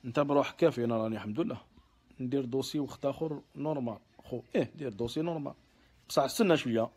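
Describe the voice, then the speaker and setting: Fast-talking Algerian man on a live stream. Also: medium pitch, darkish tone, slightly rough. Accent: Algerian Arabic. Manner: reads viewer questions and answers offhand, grows heated when venting; mixes French words into speech. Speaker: live stream host answering visa questions. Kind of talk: casual live Q&A.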